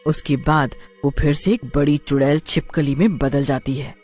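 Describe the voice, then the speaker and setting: A woman narrating a scripted cartoon story in an expressive, dramatic way. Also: sits low, moderate pace, soft background music.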